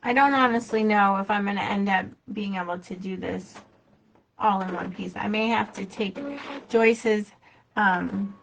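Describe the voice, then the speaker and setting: Slow, gravelly-voiced woman sewing host. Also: medium pitch, steady tone, a bit bright, lo-fi sound, slight background noise. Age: adult with a child. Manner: chatty, talks to herself while working. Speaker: quilting shop host. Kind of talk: live sewing demonstration.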